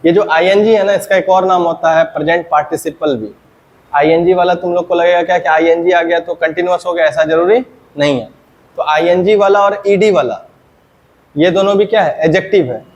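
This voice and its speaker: A man teaching English grammar in a classroom lesson. He often asks a question, answers it himself in a lower voice, and checks whether the class has understood. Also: a little fast, dull audio. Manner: asks questions then answers them himself, dropping low on the answers.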